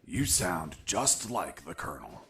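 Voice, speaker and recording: Deadpan game spy hero, low voice but lively swings, music behind. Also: male voice, a little slow, vocal fry, exaggerated voice. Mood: tense, focused. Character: wry, cool-headed male secret agent on the run. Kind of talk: video game dialogue and narration.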